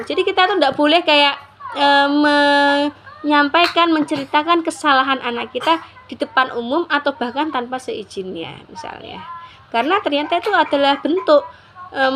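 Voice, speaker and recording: Woman, high voice, casual parenting lesson, faint noise. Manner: chatty, addresses listeners as mothers, frequent "gitu ya". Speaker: Islamic parenting teacher. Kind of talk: casual religious parenting talk to mothers.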